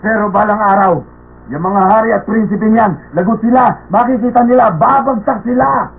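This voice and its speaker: Mr. Hobbs, a high-voiced grumpy grocer. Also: male voice, brisk, full character voice. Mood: indignant. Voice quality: blustering, scornful, clears throat. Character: grumpy middle-aged male grocer who scorns nobles. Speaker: shopkeeper. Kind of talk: Tagalog cartoon dub. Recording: tinny lo-fi dub with faint music.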